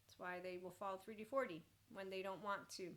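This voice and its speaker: A woman giving an informal, rambling mentoring talk in an expressive, blunt way, with casual asides. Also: medium pitch, brisk. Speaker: mentor and host.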